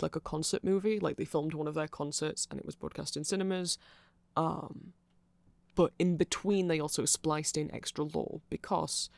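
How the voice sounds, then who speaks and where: Fairly high-pitched and full of vocal fry, his voice comes through with no echo. The ASMR creator wanders through band lore informally and geekily, stalling and interrupting himself as he goes.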